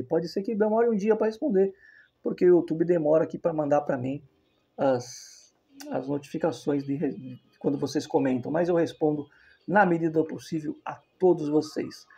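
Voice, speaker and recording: A man's voice: a little high, normal speed, gravelly, dark tone, husky. A man hosting a casual football video, chatty and loose, often correcting himself mid-sentence. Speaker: football channel host.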